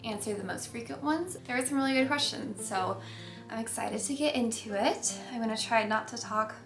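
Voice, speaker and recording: A woman's voice: fairly high pitch, fairly quick. A young woman vlogger chatting casually to camera, slightly out of breath, with many ums and light laughs. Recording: echoey room with faint music.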